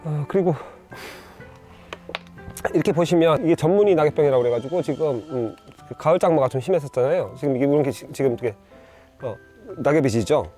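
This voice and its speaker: Male bonsai grower, casual demo, a bit high-pitched, stop-start delivery over faint background music. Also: expressive, warm tone. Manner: halting, many fillers and restarts, pointing things out. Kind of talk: casual instructional demonstration.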